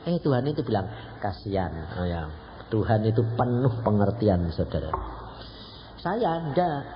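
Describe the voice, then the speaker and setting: An elderly man in his eighties with a Javanese accent, preaching a sermon and telling stories, often asking the congregation questions and acting out the dialogue. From Indonesia (Central Java). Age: around 80. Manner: lively, asks the congregation questions, acts out dialogue. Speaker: evangelist preacher. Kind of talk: sermon with anecdotes. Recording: dull low-fidelity recording with faint noise.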